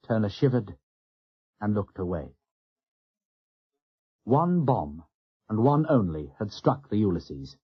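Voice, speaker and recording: A man narrating a war novel as an audiobook in a measured, dramatic way. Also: mid-range voice, husky. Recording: dull lo-fi audio.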